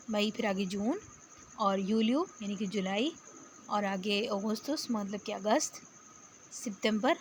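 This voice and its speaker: A woman teacher giving a spoken lesson, patient, explaining step by step and repeating words slowly. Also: mid-range voice, a little hiss or hum. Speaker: Arabic teacher. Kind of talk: spoken lecture.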